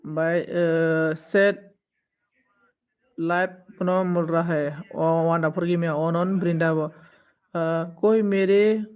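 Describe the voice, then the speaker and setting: A man's voice: high-pitched, clear, resonant tone. A man in his twenties hosting a live stream, casually thanking viewers by name and consoling them. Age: 20s. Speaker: livestream host.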